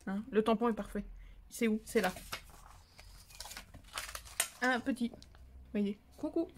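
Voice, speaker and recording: A woman's voice: fairly high pitch, takes it slowly, a little hiss or hum. A woman hosting a paper-craft tutorial, talking casually and rambling as she thinks aloud, with playful little asides. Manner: chatty and rambling, thinking aloud while stamping; playful, drifts into silly singsong asides.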